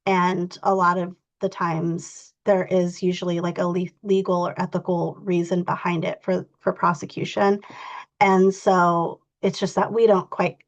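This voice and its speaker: Low, gravelly woman with a stuffy nose. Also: flat delivery, unhurried. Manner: informal, explanatory, frequent "you know" fillers. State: stuffy, congested. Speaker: victim advocacy trainer. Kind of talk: online training lecture. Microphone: video call. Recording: dull lo-fi video call audio.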